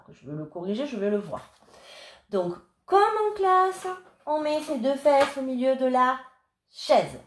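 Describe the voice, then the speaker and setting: A woman teaching young children remotely, dictating words slowly and patiently. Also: a little high, darkish tone. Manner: slow, clear, patient dictation. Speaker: primary school teacher. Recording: echoey room.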